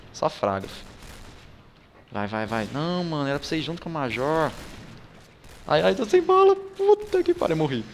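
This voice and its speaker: A young Brazilian man giving excitable gameplay commentary, swearing, laughing and groaning as he plays. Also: medium pitch, in a large hall, slight background noise. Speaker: gaming YouTuber. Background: game gunfire.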